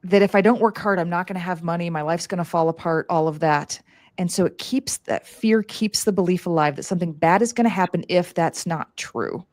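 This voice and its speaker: A woman appears as a guest strategist in a conversational interview, explaining things animatedly with plenty of "like" and "you know." Her voice is lowish, brisk and a little mellow, recorded with studio quality and no room sound.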